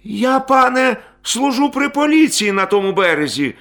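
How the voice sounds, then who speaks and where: A man's voice: extremely high pitch, sing-song, normal speed, a bit bright, pitched above the performer's own voice, exaggerated voice. A man voicing a stern, weary middle-aged father in a storybook, speaking tensely with a trembling voice. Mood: feigned calm.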